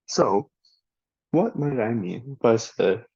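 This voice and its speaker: A man teaching a recorded lesson in an unhurried, deliberate way, pausing to read out example sentences. His voice is mellow and a little husky. The sound is dry and lo-fi. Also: mid-range voice, animated, no room sound. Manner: slow, deliberate teacher talk with spoken examples for the listener to repeat. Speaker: student presenter teaching a language lesson. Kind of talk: recorded classroom presentation.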